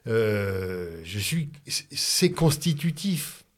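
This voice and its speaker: This radio guest, a man born in France, has a fairly low, very animated voice. His conversational talk is reflective yet halting, with frequent restarts.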